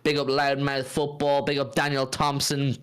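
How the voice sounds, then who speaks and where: A man's voice: medium pitch, monotone, moderate pace, fairly bright tone, clean tone. British man hosting a casual live stream. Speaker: host of a football fan live stream.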